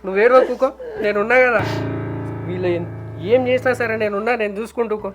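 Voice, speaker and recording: A man's voice: sits high, fast talker, music in the background. A man acting in a village comedy sketch, speaking in a firm, protective and reassuring way.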